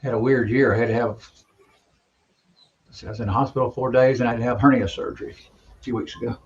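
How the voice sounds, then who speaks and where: A man's voice: medium pitch, fairly even intonation, quick pace. Plainspoken man on dull voice chat. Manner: plainspoken, folksy. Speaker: guest, new to live streaming. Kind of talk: casual chat and storytelling. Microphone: online voice chat.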